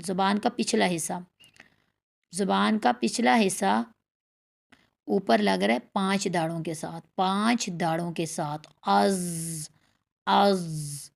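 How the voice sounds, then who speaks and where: A woman teaching a tajweed lesson, repeating letter sounds slowly and drawn out as she explains how to pronounce them. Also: medium pitch, creaky. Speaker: Quran recitation teacher.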